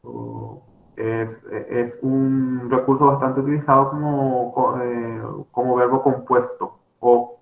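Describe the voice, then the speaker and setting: A man with a Paraguayan Spanish accent giving a grammar lecture, talking slowly with many fillers and self-corrections. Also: mid-range voice, fairly even intonation, faint music behind. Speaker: language teacher. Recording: roomy, slightly dull recording.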